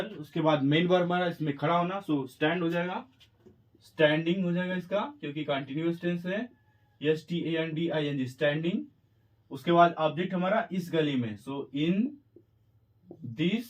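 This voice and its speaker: A man with an Indian accent teaching English grammar in Hindi, spelling words out letter by letter and slowly dictating example sentences. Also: high voice, poor audio. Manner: addresses viewers as friends, encouraging and repetitive. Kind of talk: Hindi-language grammar lesson.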